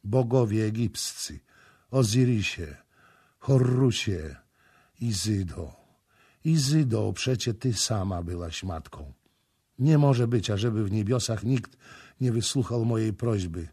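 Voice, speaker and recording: A man's voice: lowish voice, measured pace, warm tone, husky, no room sound, studio quality. A man reading a storybook, voicing a grieving, frenzied young mother in an anguished, wailing way.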